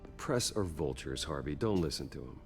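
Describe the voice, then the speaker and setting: An actor playing Bruce Wayne, a calm and guarded rich young man, in a video game. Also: a bass voice, fairly quick, creaky, soft background music, exaggerated voice. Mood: reassuring.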